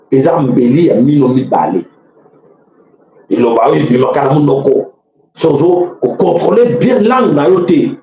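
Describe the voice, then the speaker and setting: A man's voice: high-pitched, a little mellow. A man with a Congolese French accent, giving fiery, preachy political commentary with mocking exclamations. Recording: very echoey, dull lo-fi sound.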